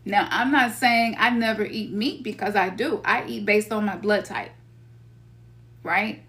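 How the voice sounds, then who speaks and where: A middle-aged spiritual teacher from Memphis, Tennessee, with a Memphis Southern accent talks casually to listeners. Her speech is loose and slangy, and she sometimes acts out her own inner voice. Her voice is medium-pitched and a bit bright, at a measured pace.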